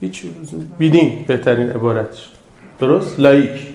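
Fiery preacher with an echoing voice. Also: male voice, expressive, vocal fry. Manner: swings between loud emphatic bursts and low quiet asides; recites scripture verses slowly and deliberately. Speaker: religious lecturer. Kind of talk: sermon to a live audience. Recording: echoey room.

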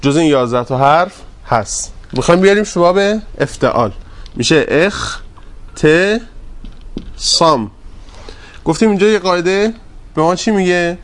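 A man teaching a grammar class, drawing out word forms slowly and asking his students questions. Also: high-pitched, lively intonation. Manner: drawn-out repetition of word forms, quizzing students; polite and deferential to the class leader.

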